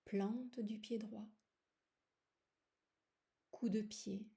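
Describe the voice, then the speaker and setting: Guiding yoga nidra, this woman speaks in a mid-range voice with vocal fry, holding a steady tone. She's calm and unhurried, using brief phrases and long silences, her soft delivery at times nearly a whisper.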